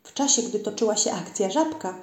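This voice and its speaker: A woman narrating a children's storybook in a gentle storytelling manner, in a roomy-sounding recording. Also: mid-range voice, lively intonation, fairly quick. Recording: roomy echo.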